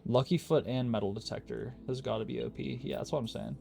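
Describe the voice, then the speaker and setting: Gravelly man muttering over game music. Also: medium pitch, steady tone, fast, mellow. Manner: muttering, thinking aloud while playing. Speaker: gaming YouTuber. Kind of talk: casual gameplay commentary.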